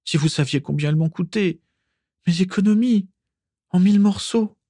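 Man doing a timid, stammering painter, raised whiny pitch, dry storybook reading. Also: moderate pace, dark tone, no echo. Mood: lamenting.

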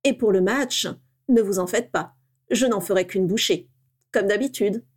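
A woman's voice: medium pitch, moderate pace, slightly rough, natural voice. A woman voicing a boastful teenage schoolboy in a read-aloud story. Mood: cocky. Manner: bold, boastful.

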